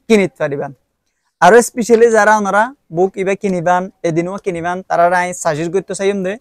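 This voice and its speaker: In a clean, dry studio recording, a young book reviewer with a Rohingya accent talks up books in a casual spoken review. His voice is on the high side, and he explains things step by step, hesitating often.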